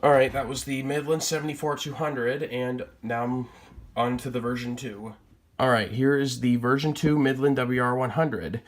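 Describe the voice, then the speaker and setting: A man with a medium-pitched, steady voice speaks at a normal speed in a casual product showcase vlog. He's a collector presenting weather radios from his collection, talking plainly and thinking aloud as he goes.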